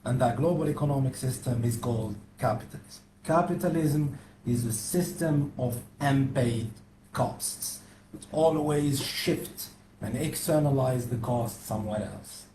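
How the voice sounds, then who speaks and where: A man's voice: medium pitch, measured pace. A man from Algeria speaking firmly and declaratively as a panel speaker. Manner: firm, declarative. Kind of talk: panel talk. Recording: echoey room, faint noise.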